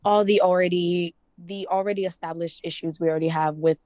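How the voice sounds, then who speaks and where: Young woman, student rep, lowish voice, chatty, lots of fillers, dry close sound. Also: fairly even intonation, brisk, dark tone, dry recording. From Ghana, raised in the US. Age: young adult. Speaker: student representative. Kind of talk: casual interview.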